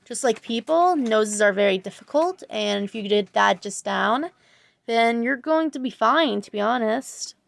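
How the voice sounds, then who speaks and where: A woman's voice: a little high, expressive, a little slow, gravelly, dry recording. A woman talking casually over her drawing video, rambling and hesitant, full of fillers and self-corrections. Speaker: art channel creator, student.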